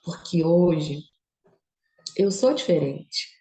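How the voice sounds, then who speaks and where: Echoey low-voiced woman giving testimony. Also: drawn-out words. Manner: emotional, shifts from quiet and low to high and animated. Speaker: children's book author.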